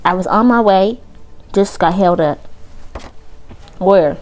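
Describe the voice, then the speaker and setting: A woman's voice: mid-range voice, takes it slowly, darkish tone, natural voice. A woman voicing a teenage boy football player in a mock Southern accent, casual and backpedaling as he answers questions. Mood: defensive.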